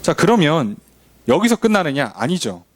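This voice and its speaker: A man's voice: a little high, very animated, normal speed, no room sound. A male pastor preaching a sermon, asking the congregation rhetorical questions. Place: church.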